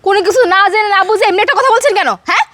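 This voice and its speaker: A woman playing a hostile, sharp-tongued young wife who taunts and shouts. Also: very high-pitched, dry recording. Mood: angry. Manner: taunting, insulting, rapid-fire shouting. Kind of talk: melodramatic family drama acting.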